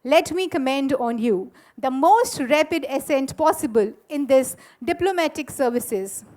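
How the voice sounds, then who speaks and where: A woman giving a measured, earnest formal address to conference delegates in a school auditorium. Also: sits high, lively intonation, darkish tone.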